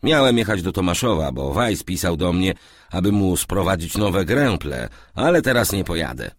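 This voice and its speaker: A man voicing a shrewd, scheming businessman who talks quickly and slyly. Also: sits low, big pitch swings, dry recording, clean studio sound. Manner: quick, sly and scolding.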